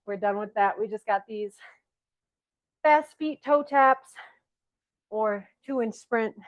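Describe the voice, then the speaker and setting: A woman with a Southern accent leading a workout class as fitness coach, out of breath, counting down and pushing her class on with energetic encouragement. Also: fairly high pitch, slow pace, dull audio. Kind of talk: live workout class cues.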